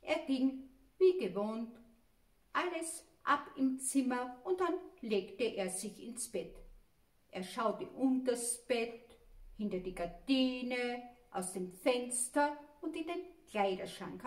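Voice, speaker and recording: A woman reading a children's story aloud with lively, expressive delivery. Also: on the high side, slow pace. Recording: roomy, mic at a distance.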